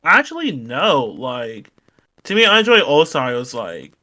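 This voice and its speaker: A man's voice: mid-range voice, very animated, measured pace, bright, forceful tone. A young man as an interview guest, talking casually and filling his answers with "like". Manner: chatty, lots of "like" fillers. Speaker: guest streamer.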